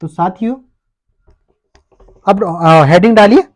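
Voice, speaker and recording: A man's voice: high voice, slow pace. A man with an Uttarakhand Hindi accent teaches an exam-prep lesson and keeps answering his own questions.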